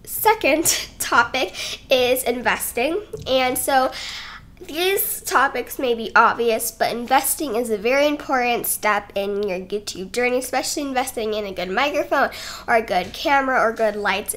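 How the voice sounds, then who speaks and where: A high, bright young woman talks casually to her channel from home, rambling and giggly between points. She sounds a little out of breath, recorded close on a desk mic. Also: normal speed. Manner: chatty and rambling, giggly, self-conscious. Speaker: YouTuber. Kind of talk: casual sit-down vlog talk. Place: home, indoors. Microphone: desk microphone.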